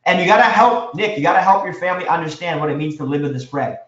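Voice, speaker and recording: A man teaching a live real estate seminar, energetic and quizzing his audience with questions. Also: a little high, fast talker. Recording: echoey room, dull lo-fi sound.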